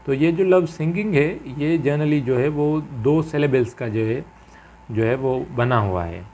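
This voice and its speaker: A man teaching a grammar lecture, halting and full of fillers, mixing English terms into his Hindi. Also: medium pitch, warm tone, slight background noise. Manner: halting, many fillers and repeated phrases; mixes English terms into Urdu-flavoured Hindi.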